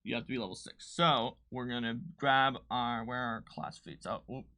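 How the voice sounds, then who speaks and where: Explaining tabletop rules and crunching numbers out loud, the game designer co-hosting a livestream keeps things casual. He speaks at a medium pitch and moderate pace with a sharp tone, in a dry recording of studio quality.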